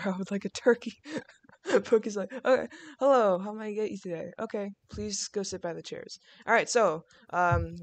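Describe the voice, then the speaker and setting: A woman's voice: mid-range voice, dry recording. A woman hosting a gaming video, chatting casually while running a game restaurant, with lots of fillers and laughter. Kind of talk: casual gameplay chat.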